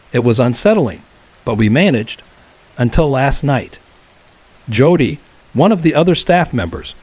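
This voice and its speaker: Calm man narrating a horror story. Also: on the high side.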